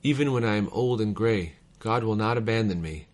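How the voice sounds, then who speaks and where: A man reading old letters aloud in a measured, formal cadence, as a reader of devotional texts. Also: on the low side.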